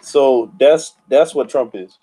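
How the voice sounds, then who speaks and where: Dude on a podcast panel cracking jokes, mid voice, teasing. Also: male voice, medium pitch, slow pace, mellow, breathy edge. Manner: teasing, wisecracking. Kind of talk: casual chat.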